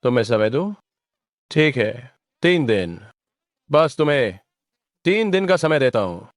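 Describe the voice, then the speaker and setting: A menacing debt-collecting thug. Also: male voice, medium pitch, sing-song, unhurried, dry recording, studio quality. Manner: threatening, contemptuous. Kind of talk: Hindi drama dub.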